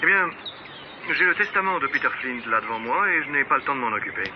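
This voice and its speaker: An actor playing a busy official on the phone in a dubbed TV soap, brisk and businesslike. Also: male voice, medium pitch, expressive, close to an everyday voice. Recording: dull, noisy phone-scene sound.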